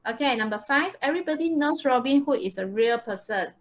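A woman with a Malaysian accent teaches a live English lesson online, presenting slides over a video call. She keeps things informal and checks in often with quick tags like "okay" and "right?" Her voice sits high, animated and a little fast.

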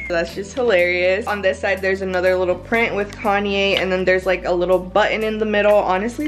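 A woman's voice: mid-range voice, fairly bright tone. A young woman with a bubbly sorority-girl manner, chatting casually to camera in a small bedroom and peppering her talk with "like.". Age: young adult. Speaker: vlogger.

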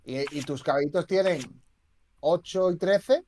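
Male poker analyst, fairly high voice, calm and methodical. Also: unhurried, slight background noise. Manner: analytical, works through odds calmly. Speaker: poker co-commentator. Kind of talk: live poker commentary.

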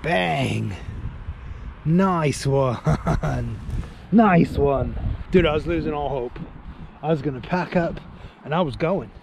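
A man's voice: a little high, slow, gravelly, long pauses. A man in his forties, vlogging casually on an outdoor riverbank to an action camera, laid-back and saying "man" and "dude" a lot. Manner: laid-back, says "man" and "dude" a lot, excitable when he lands a fish. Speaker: angling vlogger. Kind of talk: casual fishing vlog. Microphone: action camera held close or set nearby. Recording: outdoor wind and ambient noise.

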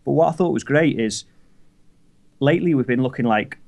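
Man, brisk pace, casual podcast co-host who ends points on tag questions. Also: medium pitch, creaky, a little mellow. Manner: quick, tag questions like "wasn't it?". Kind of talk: casual football chat.

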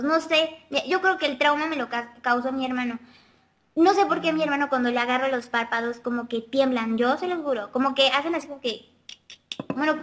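A woman's voice: sits high, a bit bright. A woman with a childlike, girlish voice, chatting casually on a webcam live stream and answering viewer questions. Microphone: webcam mic.

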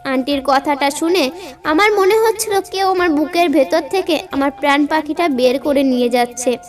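A woman narrating a dramatic first-person story, getting emotional and rising high and loud when she voices the dialogue. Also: moderate pace.

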